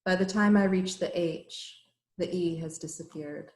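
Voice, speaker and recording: A middle-aged woman reads her poetry aloud, unhurried and deliberate, her voice sitting a little low. She introduces each poem haltingly, with plenty of pauses and fillers. The sound comes through a computer mic on a video call, in a room with noticeable echo. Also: fairly even intonation. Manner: measured, hesitant introductions with many fillers. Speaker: poet. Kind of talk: poetry reading with short introductions. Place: home room on a virtual reading call. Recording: roomy echo.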